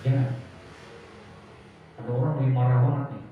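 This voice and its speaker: A man's voice: medium pitch, little pitch movement, normal speed. A male preacher gives a casual sermon, quizzing his listeners and acting out voices. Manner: asks the congregation questions, acts out voices. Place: prayer room. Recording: echoey, dull, from far off.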